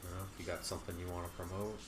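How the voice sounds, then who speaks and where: Super deep voiced dude, laid back, chiming in slow on a podcast. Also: male voice, little pitch movement, music in the background. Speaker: podcast co-host. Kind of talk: casual chat.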